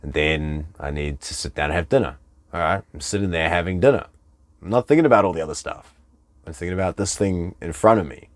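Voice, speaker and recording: A man coaching in a webinar talk, animated, acting out the people he quotes with big jumps in pitch. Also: brisk, dry recording. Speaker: relationship coach.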